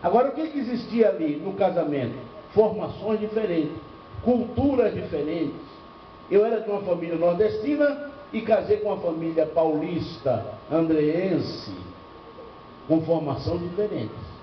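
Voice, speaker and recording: An older man from Bahia in northeastern Brazil, a pastor, preaches at a church seminar in a high, animated voice at a moderate pace, telling stories laced with rhetorical questions and humor. The recording is echoey and lo-fi, captured from far off in a church hall, with a little hiss or hum.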